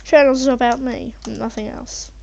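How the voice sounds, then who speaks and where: A woman's voice: a little high, steady tone, a little slow, creaky, dark tone. A woman casually rambling over her gameplay as a channel host, hesitant and meandering as she thinks aloud. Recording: muffled mic with faint background noise, keyboard typing.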